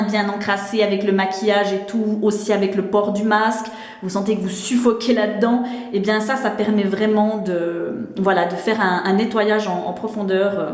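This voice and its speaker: A woman's voice: mid-range voice, a little mellow. A woman with a Swiss French accent chatting casually about her skincare masks, with lots of fillers and restarts. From Switzerland. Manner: chatty, many fillers and restarts, laughs often. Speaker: beauty vlogger. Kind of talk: casual product chat. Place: home bathroom. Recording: echoey room.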